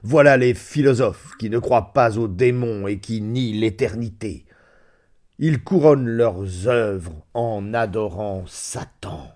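A man voicing a cold, scornful stranger who speaks slowly and mockingly in a storybook reading. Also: fairly low pitch, darkish tone.

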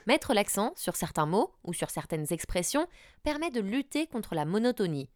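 A woman's voice: mid-range voice, normal speed. A young woman, a radio journalist, giving an upbeat scripted tutorial that speaks straight to the listener. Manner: lively, addresses the listener directly, models intonation.

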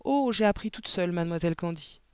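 A man's voice: high voice, lively intonation, quick pace, darkish tone, smooth, no room sound, studio quality. A man voicing a polite clever little girl. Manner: polite, earnest, matter-of-fact. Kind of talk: audiobook character voice.

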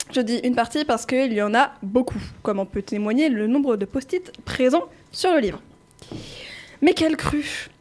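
A young woman with a fairly high voice reads a literature column from her script on a show. She stumbles over words now and then and starts again, then goes on with her scripted delivery. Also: a little mellow. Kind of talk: reading a prepared literature column.

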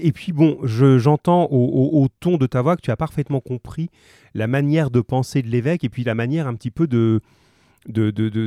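A man's voice: mid-range voice, vocal fry, dark tone, no room sound, clean studio sound. A man teaching a class over the radio, chatty and joking, full of fillers and restarts as he takes calls from pupils. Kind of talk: remote class on radio, casual and encouraging.

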